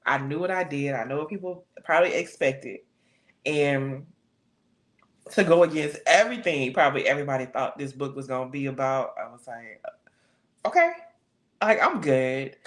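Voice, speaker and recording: A woman author being interviewed over a video call, talking in an expressive, storytelling way and laughing often. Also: very deep voice, moderate pace. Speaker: author guest. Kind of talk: casual interview chat.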